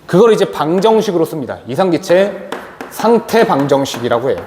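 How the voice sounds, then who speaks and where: A man's voice: fairly high pitch, sing-song, brisk. A man teaching a chemistry lecture, asking questions and answering them himself. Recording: long reverb, faint noise.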